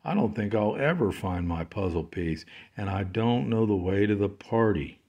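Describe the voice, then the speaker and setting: A man voicing a kind, gentle male dog in a storybook, encouraging and earnest. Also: lowish voice, normal speed.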